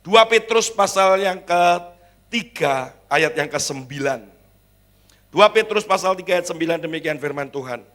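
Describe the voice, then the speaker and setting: A middle-aged man preaching in a church, his voice sitting on the high side for a man. He swings from booming exclamations down to soft, conversational asides, slipping into little acted-out exchanges as he goes. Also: expressive, a little slow. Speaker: pastor. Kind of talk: sermon.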